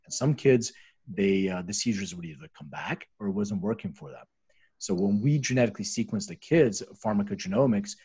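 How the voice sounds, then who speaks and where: A middle-aged American man from Philadelphia, born in Lithuania, appears as a podcast guest and the founder of a medicinal cannabis company. His voice sits on the low side with a darkish, slightly rough tone. He shares his story casually, drifting into long explanations.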